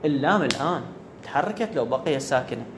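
A man's voice: mid-range voice, expressive, quick pace, background noise. A man giving a classroom grammar lecture, often checking whether his students follow and repeating the key words. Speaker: teacher of Arabic grammar.

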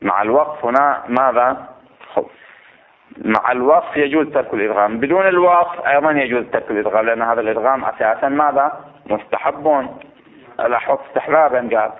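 Guy teaching a class, keeps quizzing the room, mid-pitched, sounds like a phone recording. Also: fast, phone-quality sound. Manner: explains step by step, poses questions to the class. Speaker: religious teacher. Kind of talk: classroom lesson on Quran recitation rules.

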